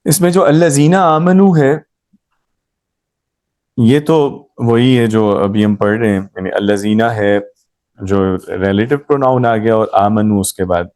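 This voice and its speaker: A man's voice: lowish voice, unhurried, a little mellow. A man teaching a grammar class, explaining patiently and quizzing his students as he goes. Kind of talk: live class lesson.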